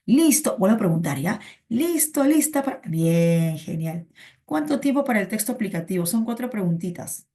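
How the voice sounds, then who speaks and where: A woman's voice: fairly low pitch, lively intonation, fairly quick, mellow. A woman teaching a pre-university reading class online, chatty and repeating her points to students. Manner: chatty, repeats phrases, calls students "chiqui".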